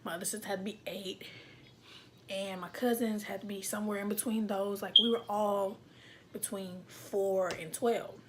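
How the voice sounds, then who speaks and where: A woman's voice: medium pitch, steady tone, moderate pace, heavy background noise. A young woman vlogger tells a story dramatically, acting out voices and dropping into whispered asides. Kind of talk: animated storytelling.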